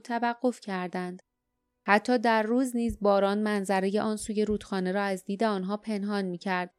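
A woman's voice: medium pitch, darkish tone, clear, resonant tone, no room sound. A woman narrating an audiobook in scripted storytelling style, sometimes giving characters' lines their own voices.

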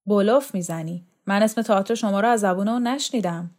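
A woman's voice: medium pitch, darkish tone, close to an everyday voice. A woman reading the part of a proud, scornful older man who boasts of his theatre past. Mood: skeptical.

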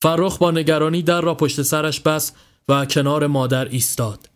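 A man narrating a scripted horror story in a steady, dramatic manner. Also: on the high side. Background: faint music.

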